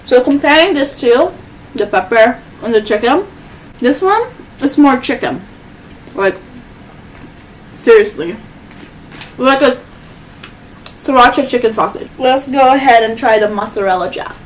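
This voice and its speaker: Playful high-voiced woman hosting a mukbang. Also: expressive, a little hiss or hum. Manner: playful, chatty, with chewing pauses. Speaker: mukbang host. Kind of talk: casual chat while eating.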